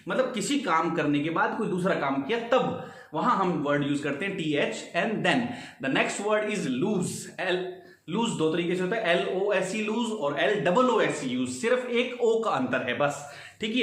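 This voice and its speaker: A man's voice: sits high, fairly bright tone, reverberant. A man teaching vocabulary in Hindi, spelling words letter by letter and often asking if the class is following. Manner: explains slowly, spells words letter by letter, checks "ठीक है ना?". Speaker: English teacher. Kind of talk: Hindi-English vocabulary lesson.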